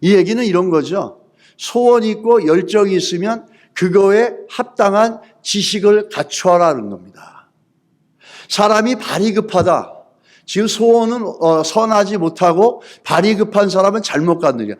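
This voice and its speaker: Korean pastor guy preaching in church, fairly high voice, keeps asking the room questions. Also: lively intonation, normal speed. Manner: rhetorical questions, acts out pleading prayers. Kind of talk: sermon. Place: church sanctuary.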